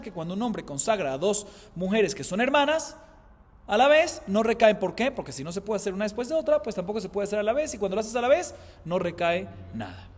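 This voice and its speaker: A man, a rabbi, teaching a Talmud class, explaining by asking and answering his own questions and chanting Aramaic quotations slowly. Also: sits high, big-room sound. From Colombia.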